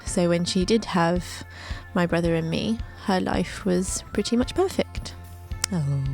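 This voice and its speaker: Girl in her 20s narrating her life, lowish gravelly voice, jokey little asides. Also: unhurried, a little mellow, faint music behind. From England. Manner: chatty, lightly joking asides. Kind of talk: scripted narration over a drawing video.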